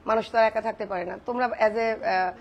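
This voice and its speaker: A woman's voice: medium pitch, fairly even intonation, brisk, highs cut off, slight background noise. A middle-aged woman, a former film actress, giving firm opinions in a casual interview and mixing in English words. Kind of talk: casual talk show interview.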